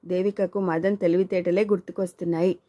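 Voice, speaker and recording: Female audiobook narrator, mellow, dry booth sound, voices the dialogue herself. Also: lowish voice, flat delivery, a little fast, dry recording, lo-fi sound. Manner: reads all characters, male and female, in her own voice.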